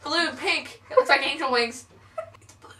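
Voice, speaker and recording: A woman's voice: sits high, moderate pace, noisy background. A woman chatting casually on camera with a friend, giggling, teasing and cracking crude jokes, recorded on a webcam at home. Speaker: vlogger. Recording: roomy, distant webcam sound with music behind.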